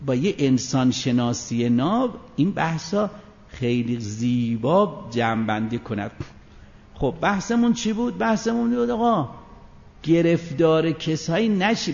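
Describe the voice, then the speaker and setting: A man delivers a religious lecture in a fairly high voice, his pitch leaping about as he fires rhetorical questions at his listeners. His delivery swings between loud bursts and soft asides. The sound is dull and lo-fi, with a long reverb trailing off his words. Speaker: preacher. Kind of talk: Quranic exegesis lecture.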